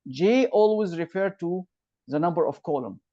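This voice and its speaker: This tutor's voice is medium-pitched, dark, and expressive, moving at a moderate pace through a step-by-step online computer science lesson. He or she patiently covers every loop step and confirms the student is following. A computer mic on a screen-recorded video call gives dull, dry audio with no echo.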